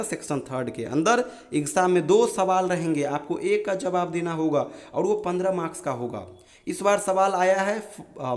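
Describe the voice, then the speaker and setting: A young man teaching students about an exam's marking pattern, calling them friends and reading out lists of terms slowly. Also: fairly high pitch. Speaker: exam-prep teacher. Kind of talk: explaining an exam pattern to students.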